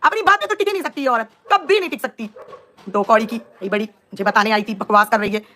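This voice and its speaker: A woman's voice: a little high, quick pace, sharp tone, slight background noise. A young woman on a live stream, scolding and taunting a rival in an angry, combative rant.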